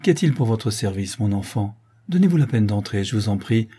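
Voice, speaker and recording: A man reading aloud, voicing a kindly former convict who speaks gently and reassuringly in a storybook. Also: lowish voice, lively intonation, brisk, slightly rough. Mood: gentle concern.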